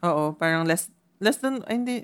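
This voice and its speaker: Woman, somewhat low pitch, casual chat, responsive, agreeable. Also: expressive, moderate pace, clear, resonant tone. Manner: responsive listener, frequent agreeing murmurs and laughs.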